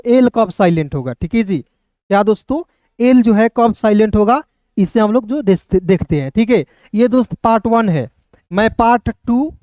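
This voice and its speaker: A man teaching English pronunciation in an online lesson, spelling words slowly letter by letter and repeating questions and answers to drill his viewers. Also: sits high, a little mellow, no room sound, clean studio sound. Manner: addresses viewers as friends.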